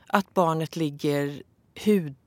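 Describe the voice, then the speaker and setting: A woman calmly explaining breastfeeding advice in a casual podcast talk, with some fillers. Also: deep voice, no room sound.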